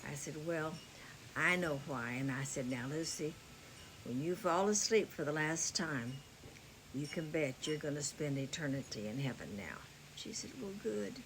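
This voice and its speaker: A woman's voice: low voice, normal speed, slight background noise. An older woman from South Carolina, earnestly telling a faith story in a folksy, casual way. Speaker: TikTok creator sharing a faith story. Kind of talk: casual spoken testimony.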